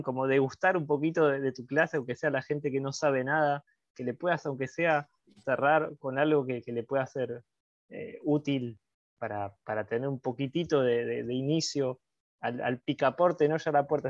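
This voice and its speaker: A man's voice: a little high, moderate pace, dry recording, muffled recording. A man interviewing a guest, speaking hesitantly and repeating words as he frames a question. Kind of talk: interview chat.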